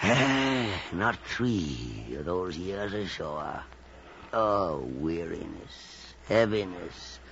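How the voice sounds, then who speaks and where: An actor playing a weary, obsessed old whaling captain in a theatrical, halting old time radio drama style. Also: male voice, sits low, very animated, gravelly, fairly bright tone, full character voice. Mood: weary, brooding. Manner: theatrical, halting, repeating phrases. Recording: muffled, noisy old radio drama recording.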